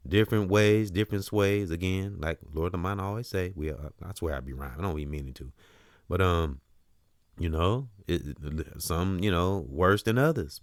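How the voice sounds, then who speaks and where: A man's voice: deep voice, dry recording, clean studio sound. A man hosting a show, talking earnestly in a preachy, spiritual way and dropping "you know" often. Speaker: host. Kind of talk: spiritual talk-show monologue.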